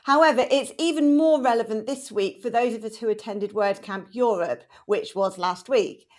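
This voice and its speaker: A woman co-hosting a podcast interview, opening in a measured, scripted way. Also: fairly high pitch, darkish tone. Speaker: co-host.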